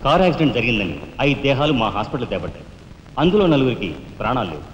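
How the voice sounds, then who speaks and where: An actor playing a calm male doctor who gives formal testimony on the witness stand. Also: mid-range voice, rapid-fire, dull audio, slight background noise, close to an everyday voice. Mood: steady. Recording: echoey courtroom with film music.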